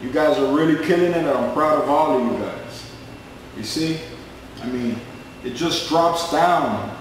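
A man in his twenties giving a screen-recorded sales pitch, pushy and boastful, repeating himself a lot. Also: a little slow, echoey room, slight background noise, low-quality recording. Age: 20s. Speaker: network marketing recruiter.

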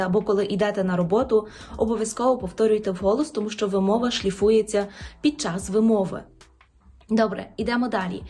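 A woman language teacher giving a pronunciation lesson, slowly repeating example words in a clear, instructive way. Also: mid-range voice, darkish tone. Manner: slow, drawn-out repetition of example words.

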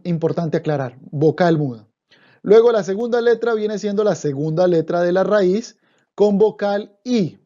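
A man's voice: high-pitched, warm tone, dull audio. A man teaching a Hebrew lesson online, patiently repeating words and checking in with the listener.

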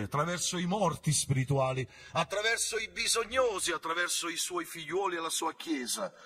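Preaching with fervor in a Pentecostal church service, this male pastor swings sharply in volume and pitch and poses rhetorical questions to his congregation.

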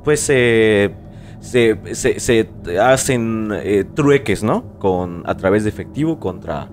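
A man's voice: on the low side, animated, slow, a little hiss or hum. A man co-hosting a podcast, telling a story with playful jokes and slang. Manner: playful, joking euphemisms, slangy. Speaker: podcast co-host. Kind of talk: casual storytelling chat.

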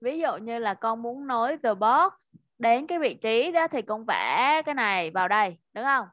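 This online English lesson for a child comes through dull, dry video call audio. The teacher, a woman with a Vietnamese accent, has a highish, expressive voice and a moderate pace, and she patiently works on pronunciation while cheering the student on.

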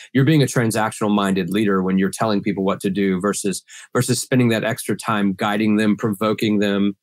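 On a video-call podcast, a middle-aged man who trains salespeople answers with sincerity but keeps restarting his sentences. His voice sits on the low side and carries a slight scratchiness from pollen, captured in a dry recording.

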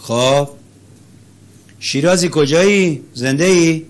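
A male teacher leading an interactive class, calling on students by name, praising their answers and chanting syllables slowly to show the rhythm. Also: a little high.

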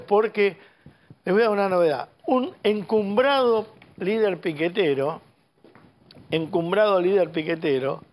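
An Argentine man with an Argentine Spanish accent delivers a fiery political editorial from a TV studio panel. His voice sits high, and he talks emphatically, swears freely and speaks straight to the person he is criticizing. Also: a little mellow. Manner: emphatic, swearing, angry, addresses the listener directly. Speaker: host, political commentator.

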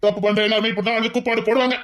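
A woman's voice: on the high side, little pitch movement, racing, fairly bright tone, lightly acted. A woman with a Tirunelveli accent playing a stern police officer who talks bluntly and threatens. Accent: Tirunelveli Tamil. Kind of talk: comedy skit acting.

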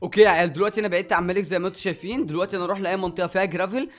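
A man with an Egyptian Arabic accent hosting excited gameplay commentary, playful and teasing, laughing often. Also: high-pitched, rapid-fire, faint music behind. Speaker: gaming YouTuber host.

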